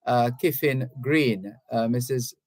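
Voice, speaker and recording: A man with a Jamaican accent hosting a radio talk show, speaking in a measured, courteous way with small hesitations. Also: medium pitch, darkish tone, no echo. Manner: measured, courteous, a little halting. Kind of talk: radio interview.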